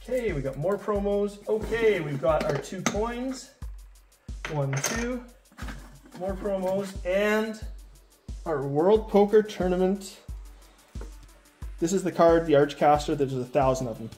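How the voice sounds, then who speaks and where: A man's voice: sits high, animated, a little slow, long pauses, darkish tone, soft background music. Chatty man unboxing while in pain. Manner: chatty, rambling, with many restarts and fillers. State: in pain, a little out of breath. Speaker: unboxing vlogger. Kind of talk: casual unboxing talk.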